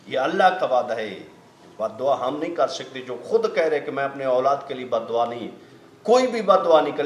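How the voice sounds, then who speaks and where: A man with a slightly high voice speaks in an earnest, emphatic, preachy way, telling a moral story. He swears oaths to stress that his story is true. The room around him is echoey.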